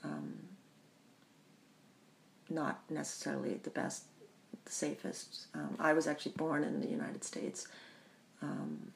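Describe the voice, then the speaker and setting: A woman who grew up in the Bahamas, telling her family history in an interview, thoughtful and pausing often. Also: low-pitched, level tone, creaky. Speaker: interview guest. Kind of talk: reflective personal storytelling.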